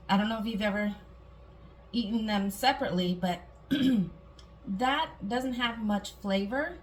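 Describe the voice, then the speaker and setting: On a rough recording, a Guamanian home cook with a somewhat high voice talks through each step of her casual demonstration, adding little asides. Room ambience and background noise are clearly audible.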